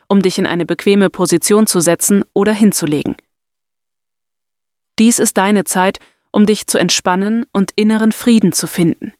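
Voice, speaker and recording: A woman narrating a scripted guided meditation and affirmations in a soft, soothing, deliberate manner. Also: medium pitch, no echo, clean studio sound.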